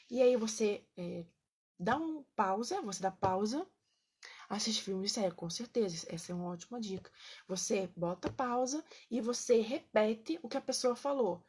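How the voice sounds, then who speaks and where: A woman's voice: medium pitch, darkish tone, husky. A woman, casually teaching on a live stream, chatty, with lots of fillers and checks with her viewers. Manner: greets viewers by name between points.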